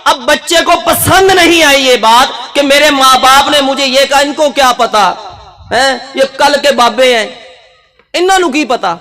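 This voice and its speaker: A man preaching a sermon with fervor, building to shouted peaks. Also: very high-pitched. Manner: impassioned, rising to shouted peaks. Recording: echoey hall reverb.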